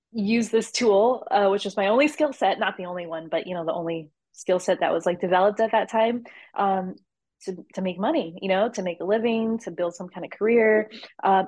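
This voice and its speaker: A woman's voice: medium pitch, no room sound. Chatty woman musician, dry close sound. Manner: rambling, animated, laughs often, many fillers. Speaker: interview guest, cellist. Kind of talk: casual interview conversation.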